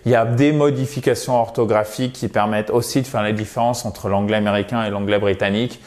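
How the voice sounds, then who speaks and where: A man giving a video English lesson, explaining suffixes and stressed syllables and repeating example words slowly and carefully. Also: fairly low pitch, steady tone. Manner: addresses viewers warmly as "chers amis". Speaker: English teacher.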